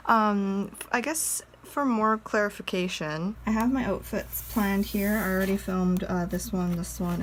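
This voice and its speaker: A woman's voice: mid-range voice, a little hiss or hum. A woman chatting casually in a home vlog, rambling with lots of fillers and frequent laughs. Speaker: vlogger.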